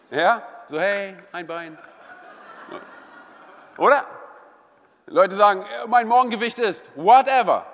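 A man preaching a lively, conversational sermon to a church congregation, often checking in with a quick question. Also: high-pitched. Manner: energetic, conversational, asks the congregation "oder?". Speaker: pastor. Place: church service hall. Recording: live church hall reverb.

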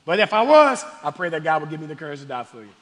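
A man preaching a sermon as pastor, expressive, swinging between shouting and hushed asides. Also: on the high side, very fast, in a large hall. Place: church sanctuary.

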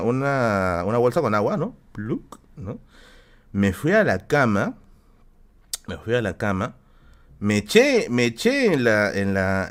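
A man casually telling a childhood story to a live chat, using crude slang and acting out the quotes. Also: on the low side. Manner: animated, crude slang, acts out quotes, frequent tag questions.

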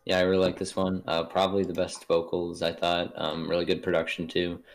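A man with a very deep voice gives his picks haltingly, filling gaps with ums and uhs. Faint noise runs under the recording. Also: completely flat delivery. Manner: hesitant, many ums and uhs, low-key. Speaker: podcast co-host. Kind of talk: casual chat reviewing an album.

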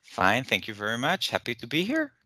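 A man's voice: medium pitch, wildly swooping pitch, a little fast, bright, forceful tone, no echo. A man from Israel, a professor and guest in an interview, talking hesitantly and repeating his words. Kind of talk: interview conversation.

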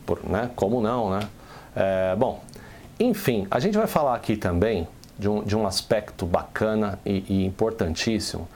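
Um homem apresentando um podcast, conduzindo a conversa com perguntas e brincadeiras, sempre com um "né?". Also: male voice, on the low side, animated, normal speed, darkish tone, a little hiss or hum. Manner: jokey, leads with questions, frequent "né?". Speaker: podcast host. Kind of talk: casual chat.

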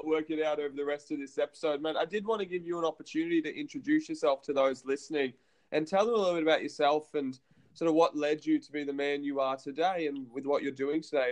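A man's voice: on the high side, steady tone, fast. A man hosting a podcast, asking questions in a friendly way and calling his guest "mate". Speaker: podcast host. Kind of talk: interview questions.

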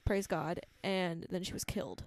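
A woman's voice: fairly low pitch, steady tone, normal speed, no echo, studio quality. Woman co-host chiming in. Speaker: podcast co-host, teacher.

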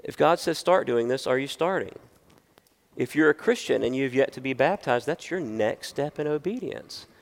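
A man's voice: medium pitch, animated, normal speed, creaky. A man preaching a sermon as pastor, earnest and putting questions to his listeners.

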